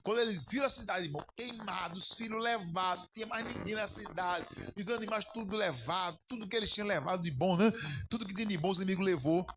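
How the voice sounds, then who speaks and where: A man's voice: high-pitched, fast, fairly bright tone, a little hiss or hum. A man preaching a sermon on a Bible lesson as pastor, often stopping to ask the congregation questions and calling them brother.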